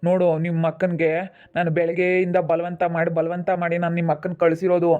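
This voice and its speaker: A man's voice: a little high, monotone, fairly quick, a little mellow, natural voice. A man playing a pushy, lecherous brother-in-law who coaxes and threatens in an amateur village drama. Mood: pressing. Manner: pressing, coaxing and threatening. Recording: tinny phone-like audio.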